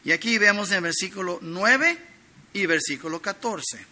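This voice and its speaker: High, piercing-voiced middle-aged preacher man. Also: lively intonation, normal speed. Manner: earnest teaching, swings between loud emphasis and soft drops. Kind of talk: expository sermon.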